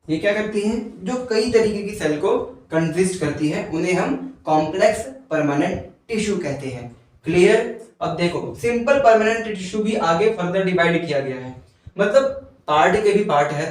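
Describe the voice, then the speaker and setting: A male teacher giving a classroom lecture, dictating definitions word by word and often asking students if it is clear. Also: on the high side, distant mic. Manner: keeps checking in with students. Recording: very echoey room, voice from off-mic.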